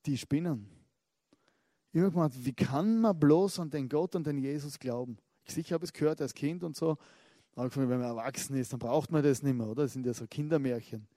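Male preacher, chatty, lively sermon delivery, higher voice, dry close sound. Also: dry recording. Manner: conversational, lively, asks the listeners direct questions.

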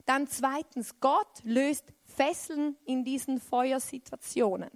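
A woman preaching a sermon in an animated way, swinging between loud exclamations and soft, hushed emphasis. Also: high-pitched, slow pace, dry recording.

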